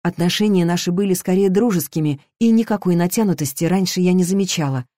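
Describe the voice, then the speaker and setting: A woman narrating a first-person story in a measured, reflective way. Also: on the low side, mellow, no echo, studio quality. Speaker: audiobook narrator.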